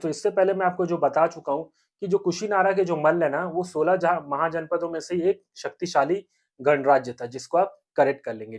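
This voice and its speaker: A man's voice: fairly high pitch, a little mellow. A young man teaching a history lesson for exam preparation. He keeps asking questions and answering them himself, repeats key points, and often checks in with the viewers as friends. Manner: repetitive, asks and answers own questions; frequent 'theek hai friends' check-ins.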